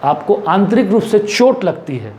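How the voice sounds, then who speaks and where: A man's voice: high voice, sing-song, moderate pace, a little mellow, slight background noise. A man with an Indian accent teaching English words in a mix of Hindi and English, repeating words and asking the viewer questions. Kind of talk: spoken vocabulary lesson in Hindi and English.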